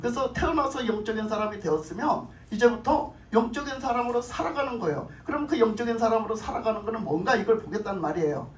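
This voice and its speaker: A woman pastor with a fairly high voice preaches a sermon at a fast clip, barely pausing, often questioning the congregation, repeating her phrases and chuckling. She is in a church sanctuary, and the echoey recording catches her from a distance with faint noise.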